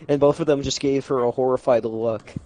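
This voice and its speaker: On an online voice call, an American man co-hosting a stream chats with a group, telling rambling stories packed with "like" and "you know." His voice is medium-pitched and dark, fairly quick, with fairly even intonation, and it comes through an online voice chat mic.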